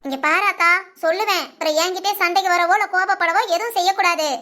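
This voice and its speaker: A woman playing a nosy village gossip, very high-pitched. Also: fairly even intonation, fast, pushed and bright. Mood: prying. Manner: prying, wheedling, gossipy. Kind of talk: village drama acting.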